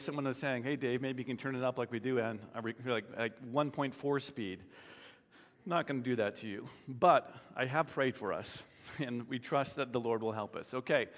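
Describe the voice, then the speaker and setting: A man preaching a sermon as pastor, animated and emphatic, laughing often. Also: mid-range voice, big-room sound.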